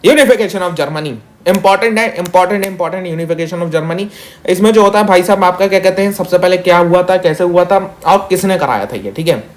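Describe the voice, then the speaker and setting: Fast chatty Hindi-English tutor, man. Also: high-pitched. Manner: chatty, calls students "meri jaan" and "bhaiya", mixes English; talks fast on purpose. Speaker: teacher. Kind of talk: fast exam-revision lesson.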